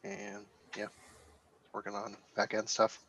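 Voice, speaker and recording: A back-end developer gives a brief introduction. His voice is low and flat, and he speaks slowly. The dull, lo-fi call audio carries faint noise. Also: creaky. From Nevada. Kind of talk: online meeting introduction.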